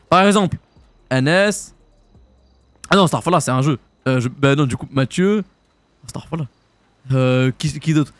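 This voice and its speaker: A young French man streaming a roleplay game, chatting casually in slang and jumping into high shouts. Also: dry recording. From France. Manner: casual slangy banter, quick jumps to high-pitched shouts. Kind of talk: live-stream roleplay chat.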